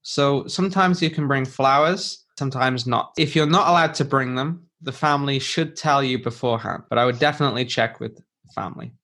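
Speaking briskly with hardly any pauses, this English teacher and podcast host has a medium-pitched, slightly bright voice. His English-learning show uses plain, chatty explanations and rewording to help a learner follow along.

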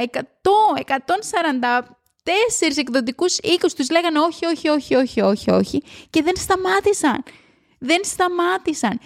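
A woman hosting a motivational podcast at home, talking loudly and emphatically with excitement. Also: sits high. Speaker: podcast host. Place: at home alone.

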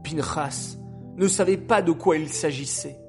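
A man narrating a story in a slow, measured telling. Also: on the high side, a little mellow, soft background music.

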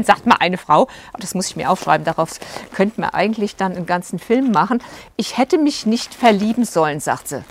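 A woman couples coach telling stories from her sessions in a casual, chatty way, acting out what her clients said, with fillers and asides. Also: mid-range voice. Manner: recounts client sessions, acting out quoted lines. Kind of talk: storytelling talk to video viewers.

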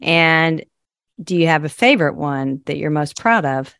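A woman hosting an interview show, asking her guest questions and responding to his stories with quick affirmations. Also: sits low, lively intonation, gravelly, a bit bright, clean tone, no room sound, studio quality. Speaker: show host.

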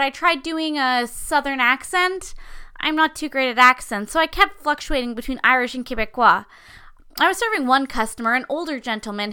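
A woman's voice: high voice, pushed and bright. A woman playing a sardonic young musician. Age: 20s. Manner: wry, sarcastic. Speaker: monologue narrator. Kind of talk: scripted audio drama monologue.

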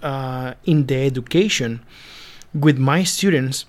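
A man's voice: mid-range voice, takes it slowly. A young man from Venezuela with a Spanish accent, a seminarian guest telling his story earnestly in a casual interview, often repeating words as he searches for them.

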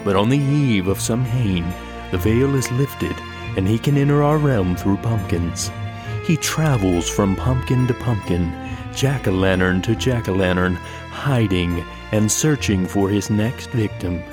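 A man voicing a boy in a pirate costume who tells a ghost legend in a slow, hushed, spooky storytelling manner, with faint music behind. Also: on the low side, close to an everyday voice.

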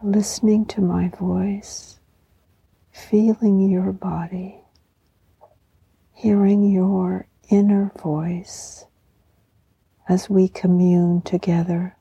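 A woman podcast host leading a guided meditation in a serene, soothing, soft and breathy voice that often nears a whisper. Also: on the low side, flat delivery, no room sound, highs cut off. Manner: serene, soothing, slow and unhurried. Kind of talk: guided meditation with poetry reflection.

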